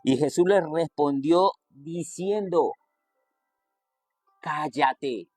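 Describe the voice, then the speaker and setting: Slow, emphatic male preacher. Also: animated, faint music behind. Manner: slow, emphatic, quotes scripture with sudden raised pitch. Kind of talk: sermon.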